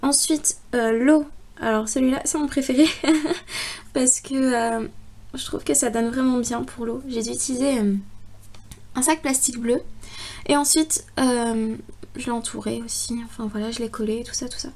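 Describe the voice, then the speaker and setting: A young woman with a high voice talks through her handmade model in a relaxed, chatty way. She leans on fillers and breaks into small giggles as she explains each part. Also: normal speed. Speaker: hobby crafter presenting a contest entry. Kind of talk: casual video presentation.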